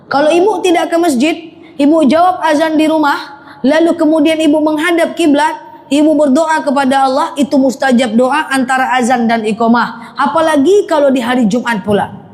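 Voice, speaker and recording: High-voiced woman preacher, lively. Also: normal speed. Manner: lively, jokes with the congregation, addresses them as Bu. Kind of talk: religious lecture to women. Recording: faint background noise.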